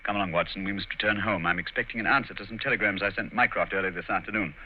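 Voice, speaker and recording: A man playing Sherlock Holmes, a confident detective, in a 1940s radio drama with crisp, animated delivery. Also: lowish voice, very fast, dull audio, natural voice. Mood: probing.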